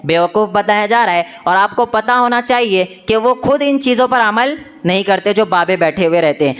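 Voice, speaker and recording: A man's voice: high voice, fairly bright tone, clear, resonant tone. A man giving an Islamic talk, telling stories and acting out the voices of the people in them. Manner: storytelling, acts out quoted voices. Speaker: religious speaker.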